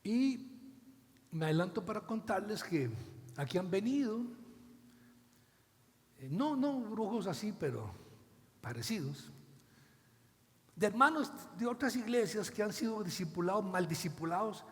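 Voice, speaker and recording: A man preaching a sermon as a pastor, dramatically acting out biblical dialogue with big swings in loudness, with a Costa Rican accent. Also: sits high, big pitch swings, unhurried, long pauses. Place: church hall. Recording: long church reverb.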